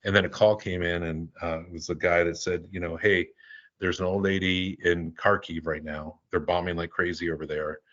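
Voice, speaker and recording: Deep-voiced older man telling a story. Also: little pitch movement, a bit bright, dull audio. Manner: rambling, halting, many restarts. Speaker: guest, animal relief volunteer. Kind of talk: storytelling in a casual interview.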